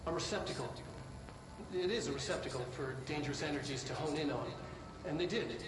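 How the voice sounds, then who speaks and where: A man playing an eccentric, enthusiastic government researcher in a video game briefing, halting and earnest, with wryly grandiose delivery. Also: on the high side, over music, close to an everyday voice. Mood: earnest fascination. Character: eccentric enthusiastic male government researcher presenting an occult object. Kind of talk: presentation in a video game's recorded briefing. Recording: noisy, roomy, distant-microphone archive-film sound.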